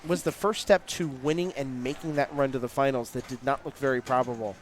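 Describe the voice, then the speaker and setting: A man's voice: mid-range voice, steady tone, a little fast. A man calling a live tournament as play-by-play commentator, explaining at length with frequent fillers. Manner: analytical, long explanatory runs with fillers.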